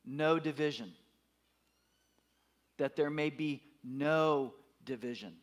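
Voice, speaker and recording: A man's voice: a little high, slow. A man in his fifties preaching a sermon, emphatic, repeating his words and putting questions to the congregation. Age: 50s. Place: church.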